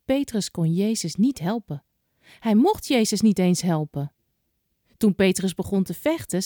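A woman tells a children's Bible story, building suspense with a voice that moves widely in pitch. Her tone is warm and mellow, and the sound is dry and close. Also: no echo.

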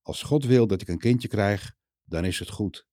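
A man's voice: on the low side, moderate pace, warm tone, no echo, clean studio sound, lightly acted. A man voicing a timid young village woman in a children's Bible story, speaking in a hesitant, questioning way. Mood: accepting.

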